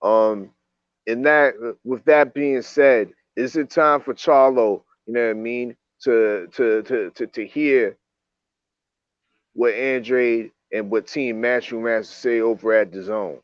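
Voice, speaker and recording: A man's voice: medium pitch, steady tone, takes it slowly, no echo. A man in casual boxing chat, his voice muffled as if coming through a wall, throwing questions at the group. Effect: muffled, as if talking through a wall. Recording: muffled dull dry online call audio.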